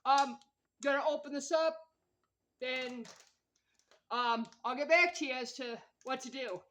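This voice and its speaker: A woman's voice: high-pitched, unhurried, fairly bright tone, low-quality recording. A woman chatting casually through a cooking vlog in her home kitchen, rambling and laughing often between remarks. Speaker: vlogger.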